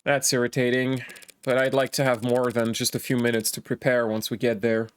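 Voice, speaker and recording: A man's voice: medium pitch, monotone, a little fast, clean tone. A man streaming a story game, talking along to the scenes with a wry, dry humor. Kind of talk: casual game commentary and read-along.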